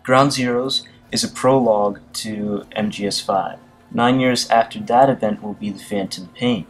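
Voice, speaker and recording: A man's voice: on the low side, normal speed, soft background music, rough recording. A man casually narrating gaming news and reading articles aloud, hesitating often with fillers and restarts. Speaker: gaming video commentator.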